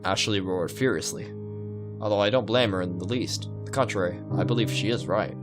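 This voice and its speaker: This let's player speaks a little fast in a fairly low register, voicing a visual novel's text and dropping offhand thoughts and reactions as the story unfolds over its game music.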